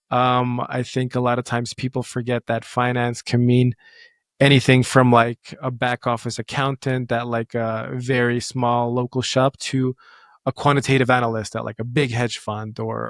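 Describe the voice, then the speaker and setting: Bulgarian-born male guest, mid-pitch, flat even delivery, dry recording. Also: creaky, no echo. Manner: steady, even-toned, reassuring advice. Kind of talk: casual interview talk.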